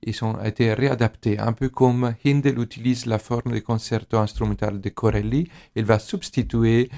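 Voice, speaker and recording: Creaky-voiced man with foreign accent in French. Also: medium pitch, fairly even intonation, mellow. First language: Italian. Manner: halting, searching for words in imperfect French. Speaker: musician interviewed as expert on organ music. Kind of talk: explanatory interview talk.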